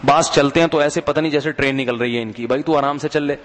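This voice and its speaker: A man's voice: fairly high pitch, steady tone, quick pace, in a large hall. A man giving a sermon in a conversational way, telling humorous anecdotes and often asking his audience to answer back. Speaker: religious preacher.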